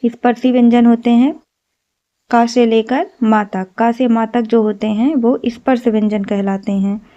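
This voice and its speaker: A woman's voice: on the high side, flat delivery, unhurried, mellow. A woman teaching an exam-prep lesson, explaining step by step and repeating key terms. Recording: slightly dull lo-fi recording.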